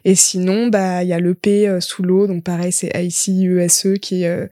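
A young woman, a musician guest on a podcast, talking in a relaxed, reflective way with many fillers and restarts. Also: on the low side, normal speed, dry recording, clean studio sound. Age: young adult. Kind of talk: casual chat.

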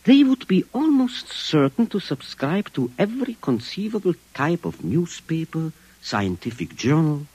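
An actor playing a precise, formal, mysterious client in an old-time radio drama, with over-careful diction. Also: male voice, a little high, very animated, measured pace, few pauses, a little mellow, breathy edge, no room sound, full character voice, rough recording. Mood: precise, eager.

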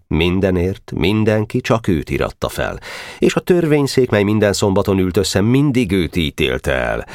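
A man's voice: gravelly, no room sound. A man narrating a novel as an audiobook, telling it expressively on a close mic. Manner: expressive storytelling with wide pitch swings. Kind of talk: novel reading.

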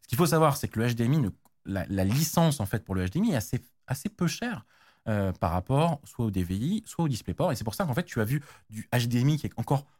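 A man's voice: medium pitch, sing-song, fast, a little mellow. A man explaining technical standards in casual chat, slangy, with many restarts and fillers. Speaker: tech guest expert.

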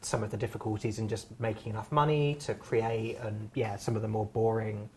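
A man from Surrey with a Home Counties English accent, interviewing in a halting, diffident way at a literary discussion. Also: on the low side, flat delivery, a crowd in the background. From Surrey, England. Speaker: event interviewer, writer.

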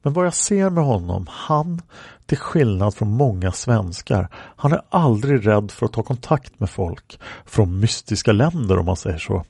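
A man's voice: on the low side, big pitch swings, vocal fry, mellow, breathy edge, no echo, studio quality, full character voice. A man reading aloud a woman's answers in a police interrogation record, rambling with many fillers. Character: woman questioned by police, plain-spoken.

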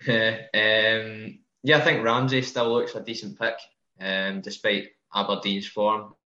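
A man co-hosting a casual fantasy football podcast, relaxed and hedging his picks. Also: on the low side, a little slow. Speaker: podcast co-host. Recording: roomy, dull lo-fi audio.

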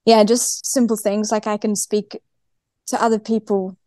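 Female podcast guest, broad Kiwi accent, mellow medium-pitched voice, close dry sound, conversational athlete interview. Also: level tone, moderate pace, dry recording. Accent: broad New Zealand (Kiwi). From New Zealand. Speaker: guest, professional cyclist. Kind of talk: casual podcast interview chat.

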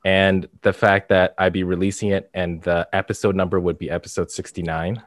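Male podcast co-host, low register, monotone and casual, recorded dry and close. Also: brisk, no room sound. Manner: monotone, flat delivery.

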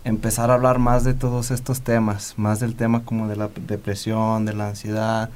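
A man's voice: fairly low pitch, flat delivery, moderate pace, darkish tone, clear, resonant tone, faint music behind. A man speaking in an earnest, reflective way during a casual podcast conversation.

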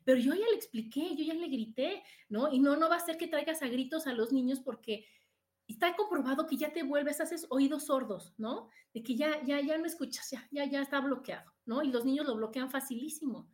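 A woman's voice: sits high, a little fast, darkish tone. A middle-aged Mexican woman hosting a podcast, giving chatty, casual advice to her live listeners and often checking in with "¿no?". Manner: chatty, tags "¿no?" after points. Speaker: podcast host.

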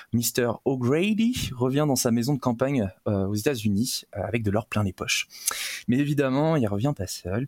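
A man's voice: mid-range voice, a little mellow, no room sound, studio quality. A man presenting a film column on a casual podcast, playful and ironic, with lots of hesitations. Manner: playful, ironic, many fillers.

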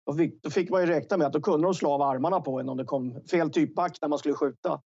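A man's voice: fairly high pitch, gravelly, mellow, no echo, lo-fi sound. A man giving his views in an unscripted hockey discussion, talking discursively and tossing in tag questions. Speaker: studio commentator.

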